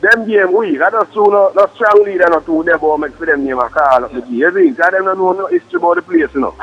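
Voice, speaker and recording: Man, Jamaican accent, high-pitched, emphatic and repetitive slang, three-way phone call, muffled lo-fi line. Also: very animated, fast, gravelly, husky.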